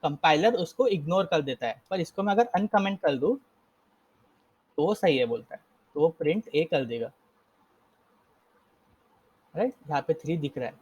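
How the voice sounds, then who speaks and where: Young male coding tutor, slightly high voice, casual step-by-step explainer, dull lo-fi call audio. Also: lively intonation, moderate pace, pauses often, darkish tone, slightly rough. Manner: casual, explains step by step, frequent self-corrections. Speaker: coding instructor. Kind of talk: live coding lesson.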